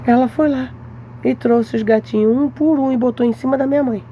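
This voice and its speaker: A Brazilian woman giving a devotional testimony to viewers, telling a lively story and acting out her mother's lines. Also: high-pitched, fairly quick, a little hiss or hum. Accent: Brazilian Portuguese.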